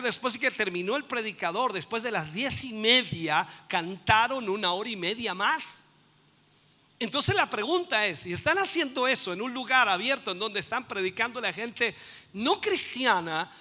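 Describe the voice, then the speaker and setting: A man's voice: high-pitched, in a large hall. A man, a bishop and pastor, teaching a sermon with emphatic bursts. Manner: emphatic, rising to loud bursts.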